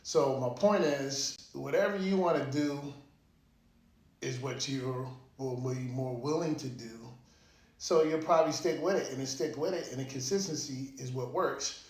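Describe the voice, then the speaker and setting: A man's voice: mid-range voice, measured pace. A man talks casually and informally in a motivational monologue, like a fitness vlogger, with the occasional swear word. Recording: echoey room.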